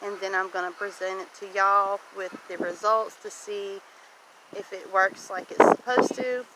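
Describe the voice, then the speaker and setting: A woman with a Southern US accent chats in a folksy, casual way while filming a walk-and-talk homestead vlog outdoors. Her mid-range voice sounds pushed and bright, and the camera mic picks up poor audio with breezy wind and ambient noise.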